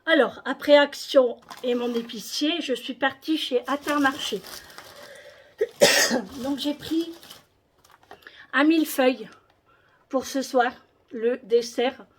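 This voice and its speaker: A woman's voice: high-pitched, takes it slowly, pauses often. A woman vlogger chatting casually about her shopping haul, with many hesitations and repeated words.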